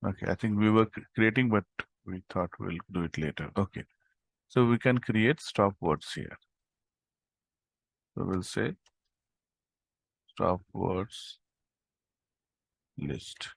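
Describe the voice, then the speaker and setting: A man's voice: lowish voice, slow pace, creaky, pauses often, no echo. A man teaching a live coding tutorial over an online call, explaining step by step with frequent "okay" and "right?". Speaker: instructor.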